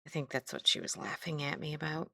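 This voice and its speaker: Fast and sharp-toned, a middle-aged woman with a Midwestern American accent keeps her low voice mostly flat in pitch as she leads an informal crafting tutorial. She rambles and lets sentences trail off. No room sound is audible.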